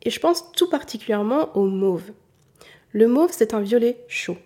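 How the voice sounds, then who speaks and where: Here the same kind of speaker, a woman colour analysis consultant from southern France, talks at a moderate pace in a fairly high, expressive, slightly mellow voice. Her faint southern accent barely shows as she addresses the viewer directly, patiently teaching and going over her main points again.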